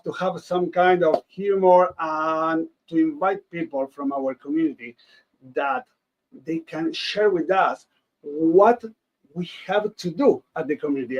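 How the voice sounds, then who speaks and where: A man with a high voice and an Argentine Spanish accent hosts a casual podcast. He talks excitably and repeats words to stress them. The recording is a little dull and lo-fi. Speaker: rabbi hosting a podcast.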